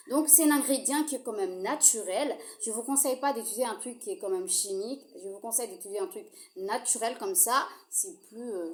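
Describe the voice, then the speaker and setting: Slightly high woman in an echoey room. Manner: hesitant, many fillers, addresses viewers directly; apologizes for her own accent. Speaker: skincare tutorial host. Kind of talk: casual how-to demonstration.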